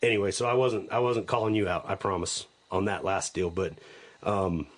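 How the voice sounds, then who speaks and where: A man's voice: low voice, steady tone, normal speed. A middle-aged man hosting a live podcast, chatting casually and enthusiastically, often repeating his words as he goes. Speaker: podcast host.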